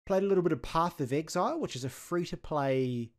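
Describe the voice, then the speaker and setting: A man's voice: a little high, lively intonation, brisk. A man co-hosting a casual gaming podcast, talking in a chatty way with frequent ums and restarts. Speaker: podcast co-host.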